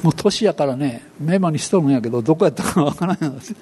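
Slight background noise sits behind a Kansai-accented pastor in his eighties as he delivers a sermon like an unhurried, folksy storyteller, voicing the characters he quotes. His voice is animated and dark-toned, on the high side.

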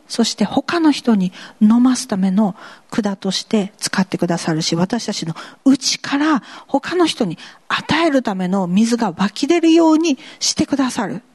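A woman pastor preaching a lively sermon, asking the congregation questions and acting out voices. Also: mid-range voice. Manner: lively and animated, asks the congregation questions, laughs, mimics voices.

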